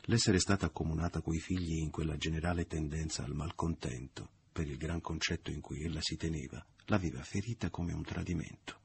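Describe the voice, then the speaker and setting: A man narrating a novel as an audiobook, in a measured, even literary reading. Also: extremely low pitch, creaky, slight background noise.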